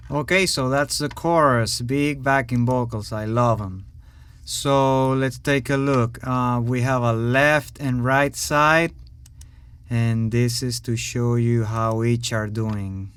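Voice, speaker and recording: Guy walking thru his home studio session, slow and clear, dry sound, lots of ums. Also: mid-range voice, no room sound. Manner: relaxed, hesitant, many fillers. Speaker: home recording host. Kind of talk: casual tutorial talk.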